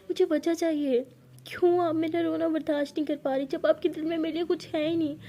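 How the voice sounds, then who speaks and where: A young woman in love begs tearfully for an answer, as a storyteller puts her on. The voice sits high and sounds mellow, pressing and emotional rather than loud. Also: level tone, brisk. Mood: pleading. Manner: begging, emotional.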